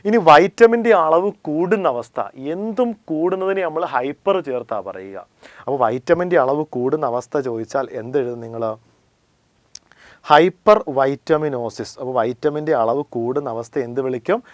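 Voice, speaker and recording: A man's voice: medium pitch, expressive, unhurried, no room sound. A man teaching an exam-prep lesson, stating each point, asking it back as a question and answering it again. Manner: repeats each point and quizzes the listener.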